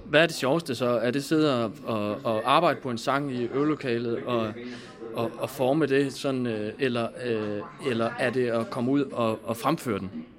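A Danish man interviewing a band, asking informal, searching questions. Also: mid-range voice. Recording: crowd chatter in the background. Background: crowd.

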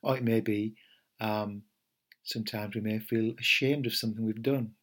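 Middle aged guy, meditation teacher, slightly husky voice, gentle and slow with lots of ums. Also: fairly low pitch, fairly even intonation. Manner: gentle, unhurried, pausing with fillers and restarts. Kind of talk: podcast talk before a guided meditation.

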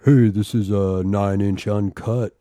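A man's voice: lowish voice, steady tone, unhurried, dark tone, lightly acted. A man playing a crude adult male webcam viewer, blunt and leering.

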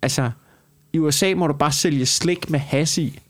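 Sweary Danish man chatting, slightly high voice. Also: no room sound, studio quality. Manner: heavy casual swearing. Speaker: podcast host; stand-up comedian. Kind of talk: casual podcast chat.

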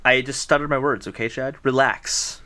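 A man co-hosting a casual podcast, explaining things in a relaxed way. His voice has a bright, forward edge. He keeps it loose and uses small fillers as he goes. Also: medium pitch, normal speed. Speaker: podcast co-host. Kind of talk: casual chat.

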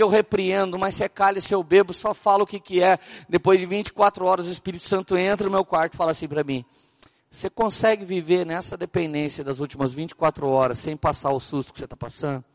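A Brazilian man preaching as a pastor, telling stories with animated acted-out dialogue. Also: high-pitched. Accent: Brazilian Portuguese. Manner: animated storytelling, acting out dialogue. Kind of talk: sermon.

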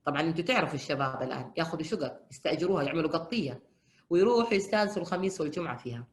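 A woman, a family counselor giving a lecture and retelling counseling stories, animated and acting out the people she quotes with sudden jumps in pitch. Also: very fast.

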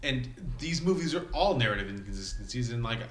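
A man's voice: mid-range voice, animated, a little fast, a bit bright, a little hiss or hum. A middle-aged man chatting casually about movies, laughing as he talks and mimicking others. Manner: laughing, mock-voicing others. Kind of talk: casual chat. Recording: roomy echo.

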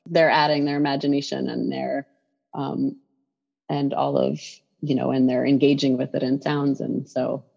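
A woman's voice: a bass voice, flat delivery, normal speed, creaky, mellow, husky, dull audio. A woman who writes children's picture books, chatting in an interview with lots of fillers and restarts. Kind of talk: casual interview conversation.

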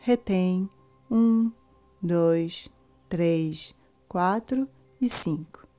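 Woman doing slow breath counting for guided meditation, lowish soft-toned mellow voice, lots of pauses. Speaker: breathing exercise instructor. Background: music.

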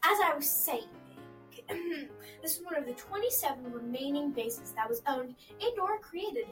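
A woman's voice: high-pitched, expressive, a little slow, fairly bright tone. A woman playing a goofy co-host in a scripted class podcast skit. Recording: roomy, distant, with music behind.

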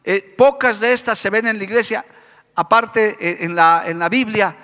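High, bright-voiced fervent preacher man. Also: moderate pace. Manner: fervent preaching with repeated "amado hermano". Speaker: pastor. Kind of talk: sermon. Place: church hall, broadcast on radio and TV. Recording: reverberant church hall.

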